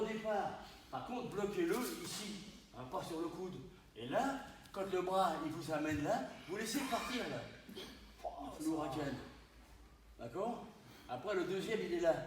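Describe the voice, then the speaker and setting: Karate teacher in an echoey hall. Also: male voice, on the high side. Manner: animated, punctuates with "hein?" and sudden exclamations. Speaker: karate instructor. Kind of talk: live dojo teaching demonstration. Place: large echoey training hall. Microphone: distant camera mic. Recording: echoey hall from far off, noisy.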